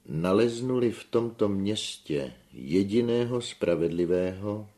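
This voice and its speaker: A man reading the lines of an earnest young man who speaks in a measured, reasoning way. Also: on the low side, lively intonation, warm tone, voice pushed up. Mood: persuasive.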